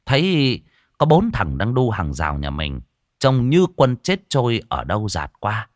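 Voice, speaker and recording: Lively male ghost story narrator. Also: fairly low pitch, unhurried, no room sound, clean studio sound. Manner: expressive, dramatic reading.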